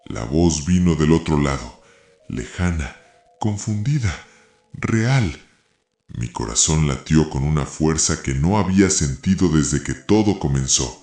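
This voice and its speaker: Deep voiced guy reading a horror story slow and hushed, echoey room, faint music behind. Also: lively intonation. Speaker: narrator. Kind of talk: scripted horror narration.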